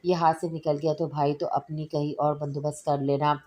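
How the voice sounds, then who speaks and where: A woman's voice: low voice, flat delivery, normal speed, a little mellow, lightly acted. A woman reading aloud voicing a confident, scheming uncle in a novel. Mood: assured.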